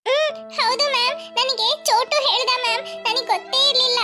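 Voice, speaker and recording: Sad little cartoon boy, squeaky, kinda slow and whiny. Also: steady tone. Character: young schoolboy, earnest and upset. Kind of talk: cartoon voice acting. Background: music.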